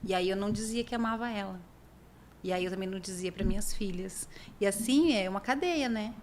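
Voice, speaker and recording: A woman's voice: medium pitch, a little fast, a little hiss or hum. A woman, a podcast guest talking earnestly and emotionally in a casual interview. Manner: earnest, emotional, lively intonation.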